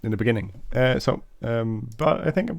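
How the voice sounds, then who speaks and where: With an expressive, gravelly, mid-range voice that moves a little fast, a flight sim video host offers a casual gameplay walkthrough of a flight simulator. He isn't a native English speaker and sounds hesitant, with many fillers and self-corrections. There's no room sound.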